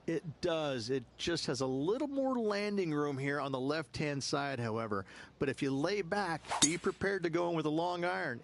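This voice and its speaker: Calm male golf course analyst. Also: a little high, slight background noise. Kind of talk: scripted video game commentary.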